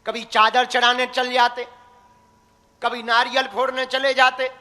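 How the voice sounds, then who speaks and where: A man's voice: very high-pitched, flat delivery, unhurried, pushed and bright, long reverb tail. A man preaching a devotional sermon to a crowd, teasing and blunt, speaking straight at his listeners. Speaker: spiritual preacher.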